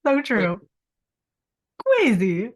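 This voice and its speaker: A woman co-hosting a podcast in casual chat, laid-back, reading search results aloud and trailing off mid-thought. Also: fairly high pitch. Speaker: podcast co-host.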